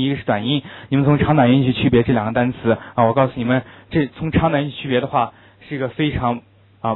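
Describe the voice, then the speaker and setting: A man teaching an English listening class in a lecture style, stressing and repeating key points. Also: medium pitch. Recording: tinny phone-like lo-fi recording.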